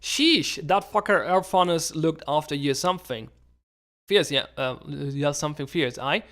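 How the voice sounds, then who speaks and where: A man voicing a coarse, scarred middle-aged male merchant with a loosely put-on accent, rough and jovial. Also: fairly high pitch, unhurried, fairly bright tone. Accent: put-on accent, admitted as botched. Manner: gruff, jovial, rough slang-laced talk.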